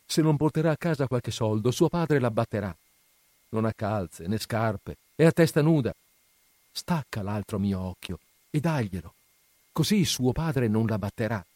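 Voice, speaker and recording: A man voicing a small, kind-hearted male swallow in a storybook reading, speaking high and pleading. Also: darkish tone, no echo, clean studio sound, close to an everyday voice.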